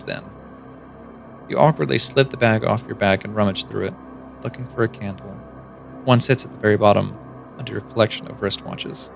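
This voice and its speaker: A man's voice: on the low side, gravelly. A male streamer reading an interactive story aloud on a livestream, casual, with wry asides and swearing between the passages. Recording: faint background music.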